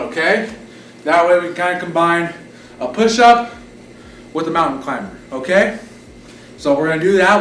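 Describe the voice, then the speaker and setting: High-voiced male fitness instructor, echoey room. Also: a bit bright, a little hiss or hum. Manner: encouraging, short coaching cues and counts. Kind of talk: live exercise class instruction with counting. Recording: roomy echo, distant mic, background music. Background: music.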